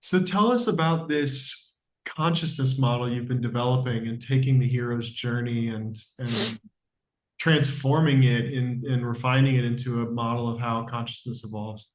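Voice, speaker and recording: A man hosting a podcast, affirming his guest and quick to agree in a casual interview. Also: mid-range voice. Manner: warmly affirming, quick back-channel agreement. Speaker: podcast host. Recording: echoey room.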